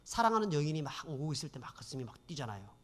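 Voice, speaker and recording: A man's voice: a little high, very animated, racing, fairly bright tone. A man preaching a sermon testimony, telling his story dramatically and addressing the congregation. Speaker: pastor.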